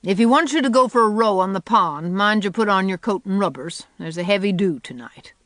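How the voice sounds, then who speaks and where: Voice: medium pitch, expressive, fairly quick, a bit bright, dry recording, natural voice. A reader doing a stern, practical old woman in her sixties. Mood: dry, grumbling. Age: 60s. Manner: dry, grumbling, matter-of-fact. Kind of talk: audiobook character voice.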